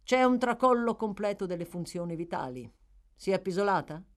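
A calm young apprentice apothecary, read by a woman narrator, speaking in an offhand, matter-of-fact way. The voice stays close to a plain speaking voice, with lively pitch movement. It suits a storybook reading. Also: a little fast, close to an everyday voice.

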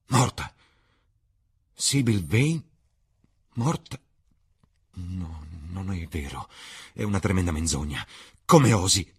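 A man's voice: medium pitch, expressive, normal speed, husky, no room sound, clean studio sound, voice pushed up. A man voicing a passionate, anguished young male aristocrat in an audiobook reading. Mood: shocked. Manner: emotional, rises to cries.

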